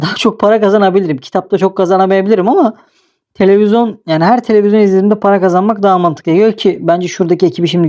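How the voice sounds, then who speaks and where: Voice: medium pitch, dark tone. Young adult, gameplay commentary, teasing, laughs a lot, slightly dull recording. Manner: chatty, teasing, laughs often. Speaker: gaming video host.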